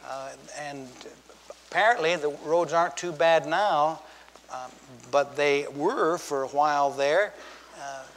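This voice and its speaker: Male pastor, folksy joking sermon delivery, slightly high voice, long church reverb. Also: fairly bright tone, slight background noise. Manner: folksy, joking storyteller with repeated restarts.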